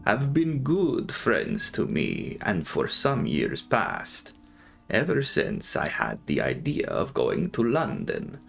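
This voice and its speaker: A man voicing a courtly, commanding Transylvanian count in an audiobook, speaking in formal, drawn-out, measured phrases with a sinister edge. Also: sits low, huge pitch swings, creaky, soft background music, heavily acted. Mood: courtly, longing. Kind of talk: dramatic audiobook character reading.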